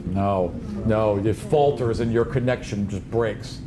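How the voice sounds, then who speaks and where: A game master runs a tabletop roleplaying session, improvising vivid, conversational scene narration. His voice is on the low side and measured in pace, with a noisy room humming behind him.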